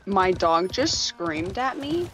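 A woman streaming a game, chatting casually, excitable and playful, joking around and swearing freely. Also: medium pitch, slow pace, soft background music. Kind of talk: casual live gaming chatter.

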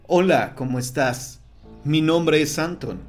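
A man voicing a bald male cult leader who speaks in a soft, calm, falsely warm way in an audiobook story. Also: fairly high pitch, slow, soft background music. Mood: feigned calm.

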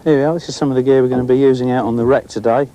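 A man's voice: medium pitch, racing, noisy background. Chatty man fishing on a boat. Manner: chatty, excitable, talks while fishing. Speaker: angling show host. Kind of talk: casual on-location commentary. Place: outdoors on a boat at sea.

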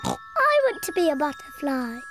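A woman's voice: sits high, wildly swooping pitch, normal speed, over music, exaggerated voice. A woman voicing a cheerful little girl piglet in a cartoon, bubbly and giggly, a little bossy. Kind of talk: cartoon voice acting.

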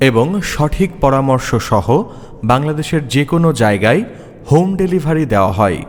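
A man delivering an emphatic promotional sales announcement that sounds as if it is played over a PA loudspeaker. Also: expressive, moderate pace. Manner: emphatic, declaiming sales pitch. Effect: echoing announcement as if over a PA loudspeaker. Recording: long hall reverb.

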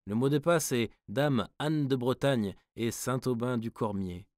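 Give me a shrill, impish old court dwarf, as a male narrator puts him on, crying out sharply. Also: unhurried, darkish tone, dry recording, studio quality, lightly acted.

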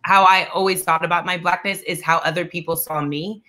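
Bright-voiced reflective woman. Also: lowish voice, fairly even intonation, fairly quick. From United States, Texas. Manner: reflective, casual with "like". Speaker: panelist, dancer. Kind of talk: casual panel chat on video call. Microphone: laptop mic on video call.

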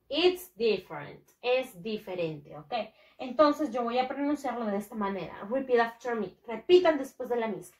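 High-voiced, slow-speaking woman teaching children. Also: reverberant, low-quality recording. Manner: slow drilled pronunciation, repeating each word in Spanish; praises often, voices pupil answers herself. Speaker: English teacher. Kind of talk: bilingual lesson for young children.

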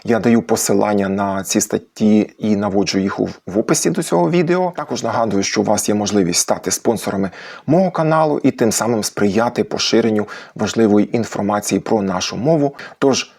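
A man hosting a language channel, patiently explaining language history and slowing down to stress each example word. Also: fairly low pitch, animated, creaky, darkish tone. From Ukraine. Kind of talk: educational talk on language history.

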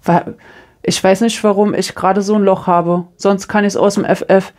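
A middle-aged German woman reading tarot cards, chatting casually and telling an animated, self-deprecating story. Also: medium pitch, moderate pace. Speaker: tarot reader. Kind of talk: casual chat.

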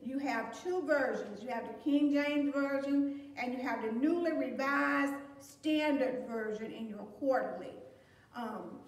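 Reading and explaining scripture with earnest emphasis, an older woman leads Sunday school in a high-pitched, slightly slow voice. She was recorded by a distant fixed camera in a plain room with a beige wall, and her voice echoes from afar.

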